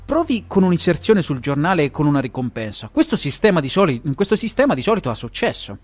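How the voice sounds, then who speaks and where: A man reading a story aloud, voicing a flustered young policeman who talks in a hurried, apologetic way. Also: on the high side, very animated.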